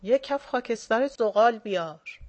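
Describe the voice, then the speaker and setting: Commanding rough man, read by a woman, loud, blunt storybook bully. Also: fairly low pitch, close to an everyday voice. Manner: loud barked orders. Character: gruff commanding male tough guy host.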